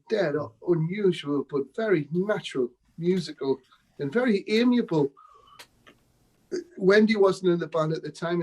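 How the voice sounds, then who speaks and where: A man's voice: on the high side, dark tone, low-quality recording. A man being interviewed, telling rambling anecdotes about his music days with laughs and quotes. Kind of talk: casual storytelling interview.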